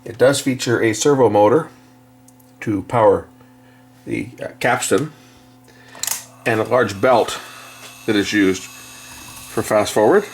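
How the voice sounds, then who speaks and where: With faint music in the background, a lowish male voice moves at a slow pace and pauses often. He's an electronics repair technician and video host casually demonstrating a hands-on repair, explaining things in a straightforward, matter-of-fact manner.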